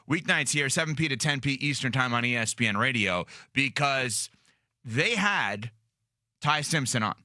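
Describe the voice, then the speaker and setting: A man's voice: medium pitch, pushed and bright, dry recording, studio quality. A man hosting a sports talk show, chatty and emphatic as he sets up clips.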